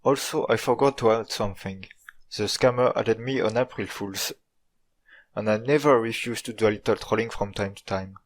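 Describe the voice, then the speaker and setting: A man's voice: on the low side, normal speed. A man with a French accent, a native French speaker, narrating an informal video story in a dry, tongue-in-cheek manner. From France.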